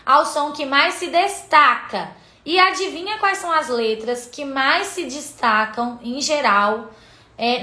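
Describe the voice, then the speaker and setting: A woman's voice: high-pitched, pushed and bright. A woman teacher, patiently explaining a literacy lesson on a live stream and pointing viewers to examples.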